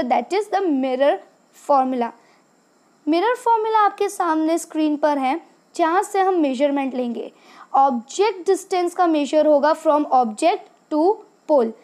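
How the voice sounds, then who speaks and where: A woman teacher giving a slide-based science lesson voice-over, explaining slowly and deliberately while mixing English and Hindi. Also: high voice, animated, a little mellow.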